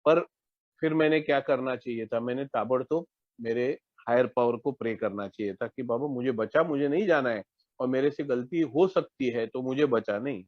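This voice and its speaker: A man's voice: mid-range voice, normal speed, no echo, lo-fi sound. A man from India with a Mumbai Hindi accent, telling his recovery story in an online meeting and acting out both sides of his phone talks. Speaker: AA member sharing recovery story. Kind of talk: personal testimony in an online meeting. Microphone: online call mic.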